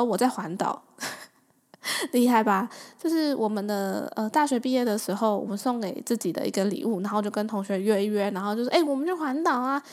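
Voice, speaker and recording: A woman in her twenties from Taiwan, a podcast host telling a personal story in a casual, chatty way, laughing often and acting out the dialogue she quotes. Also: medium pitch.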